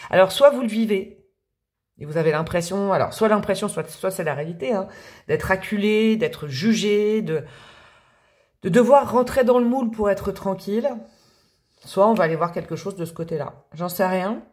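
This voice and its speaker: A woman's voice: mid-range voice, expressive, moderate pace, a little mellow. Woman, tarot reader, casual, hesitant, rambling. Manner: chatty, hesitant, repeats words, laughs and hums song lines. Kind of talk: casual tarot reading to camera.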